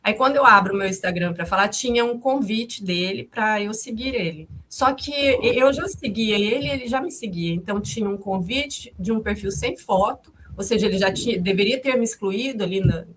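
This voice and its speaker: A woman's voice: mid-range voice, moderate pace, few pauses, a bit bright, slight background noise. A woman in her fifties, the mother of the victim, recounting events in a testimony. She speaks hesitantly, repeats herself and restarts often, and calls her own way of talking harsh.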